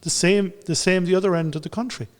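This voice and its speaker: A man's voice: high-pitched, steady tone, quick pace, big-room sound. A man from Ireland speaking on a panel, telling anecdotes with enthusiasm and acting out what others said. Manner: storytelling, acts out quotes, enthusiastic. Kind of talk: panel discussion. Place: old brewery building, large room.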